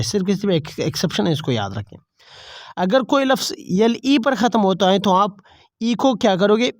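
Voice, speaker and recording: A woman's voice: mid-range voice, darkish tone, no room sound. A woman teacher, explaining spelling rules step by step. She repeats each point and asks herself questions before answering them. The sound is dry and close, with no room around it. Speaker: English teacher. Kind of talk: spelling lesson explained in Urdu-flavored Hindi.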